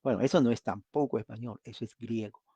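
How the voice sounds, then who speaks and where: A man's voice: mid-range voice, fast, warm tone, slightly rough, no echo, highs cut off. A man preaching a conversational Bible study, often asking his listeners questions. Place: United States.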